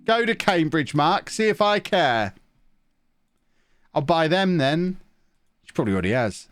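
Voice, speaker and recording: His voice is a little high and a bit bright, very animated yet unhurried, with no echo. The man chats casually on a live stream with a slightly blocked nose, joking, humming and reading out viewer messages as he plays a football management game.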